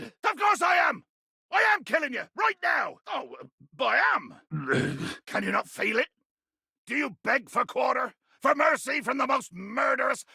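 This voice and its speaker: A grandiose, murderous pirate captain for a video game. His voice is piercingly forceful and thick with gravelly creak, leaping wildly up and down as he rolls out florid, archaic sea-dog menace. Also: extremely high pitch, no room sound, clean studio sound, full character voice. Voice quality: raspy, gravelly growl. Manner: grandiose, archaic seafaring speech with florid threats. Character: bombastic, bloodthirsty, theatrical pirate captain trapped in a bottle. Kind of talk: theatrical video game character acting.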